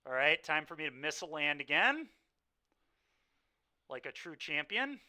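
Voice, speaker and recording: A man's voice: fairly high pitch, big pitch swings, a little slow, sharp tone. A young man streaming a card game, venting his frustration and sighing between remarks to chat.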